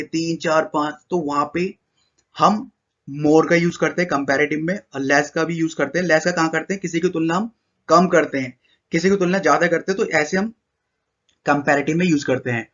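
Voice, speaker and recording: A man teaching English grammar in a Hindi-English mix, spelling words letter by letter and slowing down for the examples. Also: a little high, dull audio. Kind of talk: explanatory lesson in Hindi mixed with English.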